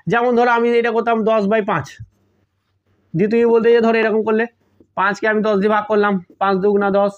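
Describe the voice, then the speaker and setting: A man's voice: high-pitched, little pitch movement, brisk, highs cut off. A man teaching a math lesson for exam prep, explaining step by step and often checking whether the students have understood. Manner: explains step by step, repeats key terms, checks "got it?" often.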